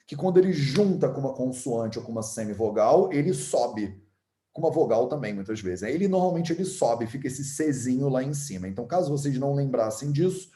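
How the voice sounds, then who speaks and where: Male Carioca teacher, chatty and patient, mellow voice, roomy echo. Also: mid-range voice. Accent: Carioca Brazilian Portuguese. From Rio de Janeiro, Brazil. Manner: chatty, explains patiently, repeats sounds aloud. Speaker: Ayurveda and Sanskrit teacher. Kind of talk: casual online lesson.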